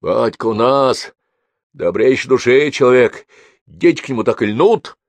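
A man voicing a loud, cocky grown son who mocks and jokes. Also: mid-range voice, unhurried, no echo, pitched above the performer's own voice, natural voice. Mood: rowdy. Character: brash, boisterous grown son, joker.

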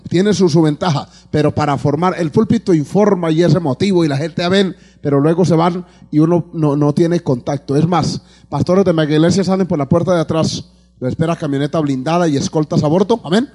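Colombian pastor preaching, somewhat high voice. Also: male voice, brisk, mellow, husky. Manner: calls out to the congregation with frequent amens and questions; repeats words when searching for the next one. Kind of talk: preaching a sermon to a congregation. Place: church before a live congregation.

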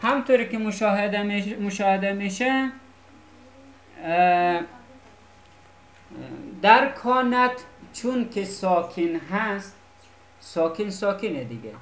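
During a lesson in an echoey classroom, a woman who teaches Arabic explains patiently and often asks whether her students are keeping up. Her mid-range voice is lively in intonation, broken by long pauses.

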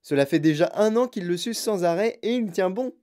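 A narrator voicing an excitable, eccentric grown-man candy-maker who talks in boastful, bouncy exclamations. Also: mid-range voice, a little fast, voice pushed up, lightly acted. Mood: boastful, excited.

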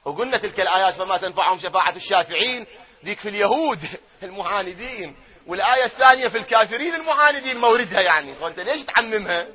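A man giving a religious lecture, who swings from loud chanting of verses to quiet asides and keeps asking his audience questions. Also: high voice, expressive, rapid-fire, husky, lo-fi sound. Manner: asks his audience questions and answers them himself. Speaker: cleric lecturing on doctrine.

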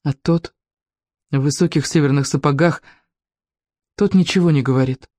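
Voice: medium pitch, normal speed, a little mellow, no echo, studio quality. A reader narrating a children's storybook expressively. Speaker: audiobook reader.

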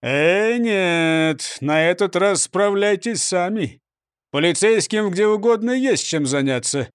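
A man's voice: high voice, lively intonation, slow pace, clean tone, no echo, clean studio sound. A man voicing a stern, pompous male police chief who scolds and orders people about, read as a storybook. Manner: scolding, bossy. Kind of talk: storybook reading.

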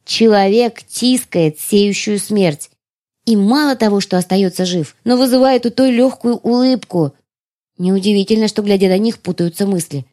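A woman reading an audiobook in the first person, with an expressive delivery. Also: mid-range voice, normal speed. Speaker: audiobook narrator.

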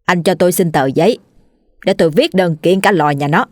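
A woman plays a spiteful middle-aged village wife, sneering and scolding as she makes her demands. She speaks in a lowish voice, in a dry, close recording. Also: a little fast, darkish tone, no room sound, natural voice.

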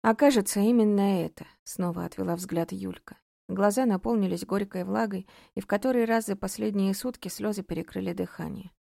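A woman narrates an audiobook in an even, measured way. Her voice is soft and mellow, at an ordinary pitch. The recording is dry and close, with no room sound. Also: creaky, dry recording.

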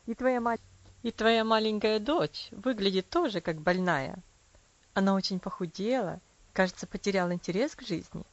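A woman's voice: medium pitch, normal speed, no echo, natural voice. A cool society lady visitor talks in an offhand, slightly raised voice, as a woman reader voices her. The track is dry and a touch dull.

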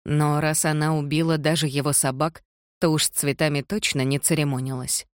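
Measured audiobook reader, dry sound. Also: medium pitch, little pitch movement, dry recording. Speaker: audiobook narrator. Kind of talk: scripted narration.

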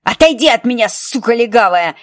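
A woman voicing a defiant, foul-mouthed teenage girl who yells when she talks. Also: fairly quick, close to an everyday voice. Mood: furious. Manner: shrill and yelling.

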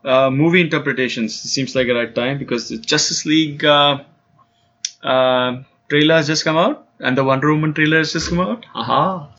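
A man with a husky voice chats casually as a podcast co-host, hesitant and teasing. The recording is dull and muffled. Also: fairly high pitch, normal speed, fairly bright tone. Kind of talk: casual chat.

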